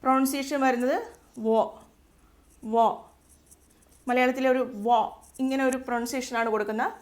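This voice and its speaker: Patiently walking learners through the alphabet one step at a time, a woman Arabic tutor with a Malayali accent says each letter sound twice so they can imitate it. Her voice sits a little high, and her intonation stays fairly even.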